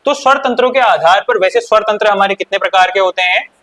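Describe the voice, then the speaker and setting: A man teaching an exam-prep class with an Uttarakhand accent, his voice pitched a little high. He keeps asking his students questions and then answering them himself. Key points get repeated as he moves through the lesson. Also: fast, pushed and bright. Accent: Uttarakhand Hindi.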